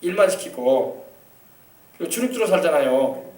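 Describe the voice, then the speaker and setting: A man's voice: fairly high pitch, expressive, normal speed, darkish tone. A male pastor preaching an emphatic sermon, drawing call-and-response from the congregation. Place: church sanctuary. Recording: echoey hall, mic far off.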